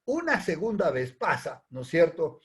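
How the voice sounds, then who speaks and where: A man preaching a sermon, animated, acting out quoted prayers and dialogue. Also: on the high side, normal speed, slightly rough.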